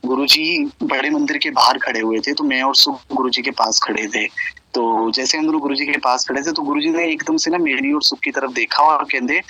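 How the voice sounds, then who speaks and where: A man shares devotional stories with a gathering in a bright, forward voice. He retells events earnestly and at length, slipping into Punjabi-tinged phrases as he quotes others. The sound comes through online call audio with a radio-like quality. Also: mid-range voice, no echo, rough recording. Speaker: satsang speaker sharing devotee stories.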